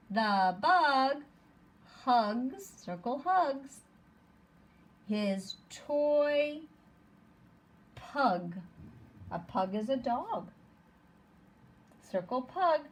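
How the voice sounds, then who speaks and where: A woman teacher reading a simple story aloud to young children, sounding out each word slowly and clearly. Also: a little high. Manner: slow, deliberate, sounding out words.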